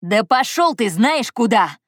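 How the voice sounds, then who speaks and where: A woman reading an audiobook and voicing an indignant young man who bursts out loudly and drags his words. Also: mid-range voice, steady tone, dry recording, clean studio sound, natural voice. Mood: furious. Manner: loud, drawn-out outbursts.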